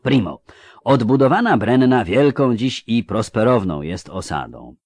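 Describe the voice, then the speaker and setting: A man reading a fantasy novel aloud in a measured, dramatic way. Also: medium pitch, sing-song, a little mellow, no room sound. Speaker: audiobook narrator. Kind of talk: scripted literary narration.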